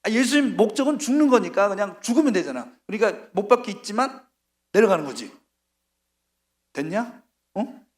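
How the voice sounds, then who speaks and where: A middle-aged male missionary preaching a sermon, telling the story with animated acted-out voices. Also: sits high, fast.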